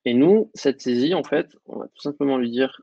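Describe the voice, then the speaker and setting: A man teaching a coding lesson over a screen share, explaining in a relaxed way with lots of fillers. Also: mid-range voice, a little fast, vocal fry, no echo, dull audio. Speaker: coding instructor.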